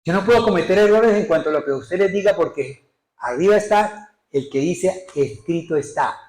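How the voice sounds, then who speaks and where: A man's voice: sits high, lively intonation, normal speed, darkish tone, echoey room, rough recording. A male pastor preaching a sermon emphatically, often putting rhetorical questions to his congregation. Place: church.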